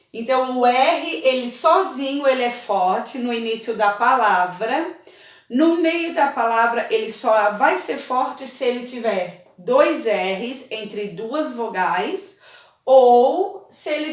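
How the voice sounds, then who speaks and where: A slow, unhurried woman teaching young pupils to spell, patient and forever checking whether they follow. Her voice sits a little high and reaches the mic from a short distance. It rings around an echoey room. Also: animated. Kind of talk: children's spelling lesson.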